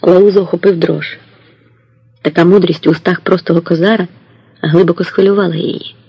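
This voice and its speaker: A man narrating an audiobook in a steady, unhurried storytelling voice. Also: high-pitched, vocal fry, slightly rough, no room sound, muffled recording.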